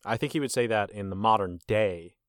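A man's voice: on the low side, fairly quick, no room sound. A man hosting a casual movie podcast, quizzing his co-host and scoring answers with dry wit.

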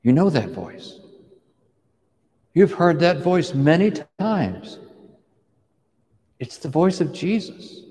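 A man's voice: on the high side, big pitch swings, takes it slowly, long pauses, darkish tone, in a large hall. A man preaching, retelling a scripture story vividly in the second person and drawing the listener into the scene. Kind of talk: dramatic sermon storytelling.

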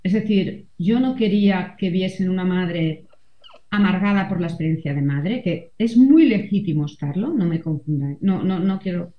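A woman's voice: fairly low pitch, moderate pace. A middle-aged woman, a columnist and mother, talking reflectively in an interview and often adding tag questions. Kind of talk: conversational interview. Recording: roomy, slightly dull sound.

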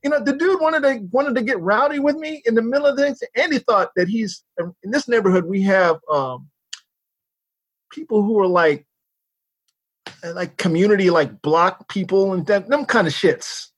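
A man with a high, husky voice tells a story in a loose, casual chat. His pitch leaps around as he acts out the people in it, and he swears freely between laughs. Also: normal speed. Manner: animated, acts out quotes with big pitch jumps, swears often.

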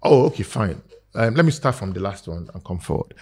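A man's voice: fairly low pitch, lively intonation, fairly quick, a little mellow, slightly rough. A man with a Nigerian accent, speaking as a guest in a casual talk-show discussion, earnest and persuasive, with many fillers and restarts. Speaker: guest advocating for skit makers.

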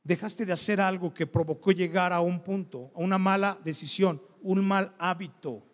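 Preaching at a moderate pace with fairly even intonation, a pastor with a voice that sits high for a man turns his sermon into a dialogue, posing questions to the congregation. A long echo fills the church hall around him.

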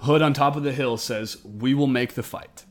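A man co-hosting a podcast narrates history from a semi-scripted account, speaking at an average pitch and moderate pace. He records indoors in the attic of an old house, where air conditioning may be running in the background.

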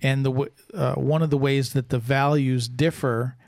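A man explaining as a podcast expert, casual but measured and halting in the way he talks. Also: mid-range voice, fairly even intonation, vocal fry, darkish tone, no echo, studio quality.

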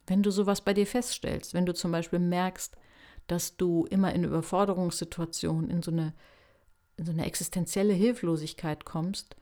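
Gentle, low-voiced German podcast woman. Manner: gentle, reflective, addresses listener directly. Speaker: podcast host. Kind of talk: calm self-help podcast talk.

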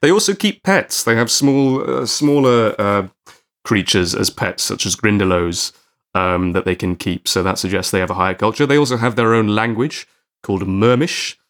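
Low-voiced guy explaining. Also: normal speed, a bit bright. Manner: jokey, informative explainer. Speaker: podcast co-host. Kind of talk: casual group chat.

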